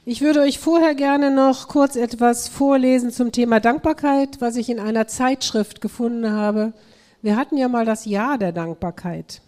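A middle-aged woman addressing a church group, her voice mellow and warm and sitting a little high. She talks earnestly and gives her points slow, deliberate emphasis. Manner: earnest, reads aloud slowly with emphasis.

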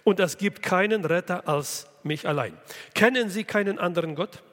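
A man's voice: high voice, fairly bright tone, long reverb tail. A man preaching a sermon on a Bible passage, asking the listeners questions and answering them. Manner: slow, deliberate preaching with rhetorical questions.

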